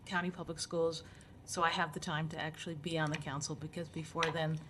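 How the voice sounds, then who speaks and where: A woman giving an earnest, explanatory podium speech at a public meeting, halting as she finds her words. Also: sits low, level tone, background noise. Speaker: applicant, science educator.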